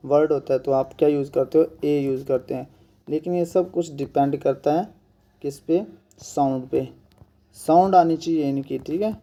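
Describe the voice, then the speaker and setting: A man from India giving an exam-prep grammar lesson, repeating each point slowly and asking questions that he answers himself. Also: fairly high pitch, warm tone. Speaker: teacher.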